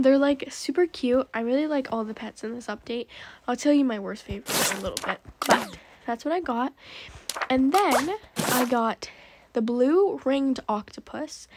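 A woman's voice: sits high, a little mellow. A young woman hosting a gaming channel, chatting casually about her game pets and often saying "like" and "um". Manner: chatty, says "like" and "um" a lot.

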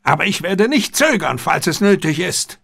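A man voicing a hot-tempered, cornered male diplomat who shouts frantically, in an audiobook. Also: high voice, sing-song, moderate pace, vocal fry, breathy edge, voice pushed up, full character voice. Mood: furious.

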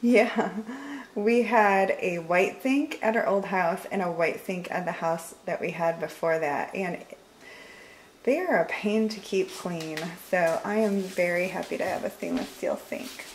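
Holding a camera and keeping herself out of frame, a thirtysomething home vlogger gives a cheerful, relaxed tour of a big house whose living room opens onto the kitchen, filling her chatter with fillers. Her voice is on the low side and a little slow. There's a bit of hiss or hum, and the audio quality is rough.

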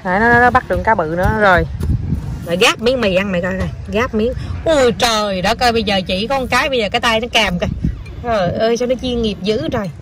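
A woman's voice: fairly high pitch, fast talker. Young woman, southern Vietnamese accent, chatty mom vlogging with her kid, coaxing and cheering. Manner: chatty, coaxing and cheering a small child, mixing in English words. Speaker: mother filming her child. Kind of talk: casual family vlog chat.

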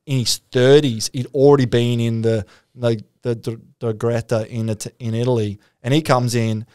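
A man's voice: medium pitch, level tone, moderate pace, a little mellow, smooth, no room sound, clean studio sound. An Australian man co-hosting a podcast, telling a crime story in a rambling, swearing way, putting on voices for the people he quotes. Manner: rambling, profane, acts out quotes. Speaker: podcast co-host. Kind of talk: casual storytelling chat.

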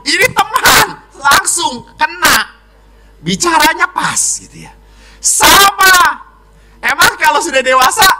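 Animated, bright-voiced priest preaching a homily. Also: male voice, very high-pitched. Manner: lively preaching, acts out children and wives in quick voices.

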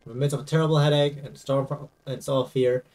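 A man's voice: mid-range voice, steady tone, fast, darkish tone, far from the mic, close to an everyday voice. A man reading aloud as a young male game protagonist, confused and anxious, over faint game music. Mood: pained.

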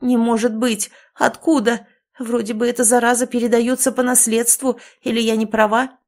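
A bitter older woman, as a female reader puts her on for a storybook, hoarse and catching on her words. She snaps and mocks with a pushy, raised voice. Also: fairly high pitch, flat delivery, moderate pace, close to an everyday voice. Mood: shocked. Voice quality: hoarse, stammering. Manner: snapping and sarcastic.

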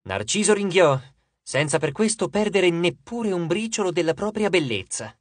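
A man narrating an audiobook with a lively, expressive reading. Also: sits high, moderate pace, no room sound. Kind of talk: scripted narration.

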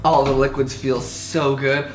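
A woman's voice: rumbling low, little pitch movement, unhurried. A young woman vlogger reading fan fiction aloud for laughs with a friend, giggly and brash, swearing freely. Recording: roomy echo, faint music.

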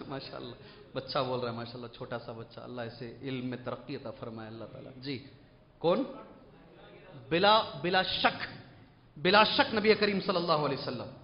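A male Islamic scholar gives an emphatic Quran commentary lecture, often putting questions to the audience. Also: a little high. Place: large mosque hall. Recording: long mosque reverb, dull lo-fi.

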